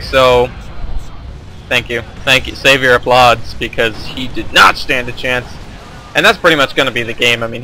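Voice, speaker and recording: A man's voice: mid-range voice, pushed and bright, slight background noise, low-quality recording. A young man casually commentating his own strategy game replay, rambling and correcting himself as he goes. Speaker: gameplay commentator.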